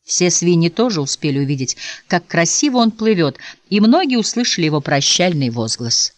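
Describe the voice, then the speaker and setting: Lively, low-voiced woman storyteller. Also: normal speed, dry recording. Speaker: audiobook narrator. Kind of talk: scripted narration.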